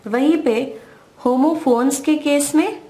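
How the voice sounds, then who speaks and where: A woman's voice: high-pitched, slow pace, dark tone. An Indian woman teaching English grammar, patiently explaining and spelling out words letter by letter. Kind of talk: slow explanatory lesson in Hindi-English mix.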